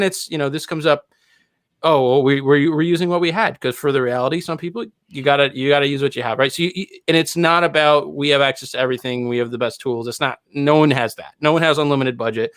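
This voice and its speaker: A man's voice: fairly high pitch, steady tone, quick pace, a bit bright, no room sound. A man co-hosting a casual live podcast, explaining things through everyday analogies and checking in with a frequent "right?". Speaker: podcast co-host.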